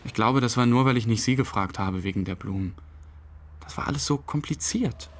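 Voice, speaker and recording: As narrator of a radio play, an actor plays a subdued, hesitant man recalling a friend's burial in plain, short past-tense sentences, an interview-like dramatic monologue. His mid-range voice is fairly quick and close to an everyday voice, the mood reflective and subdued. Faint rain and ambience noise sit in the background.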